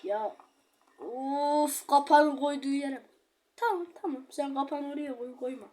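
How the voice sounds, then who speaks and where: A woman giving chatty, excitable gameplay commentary, talking straight to her viewers. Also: high voice, measured pace, slight background noise. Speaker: gaming channel host.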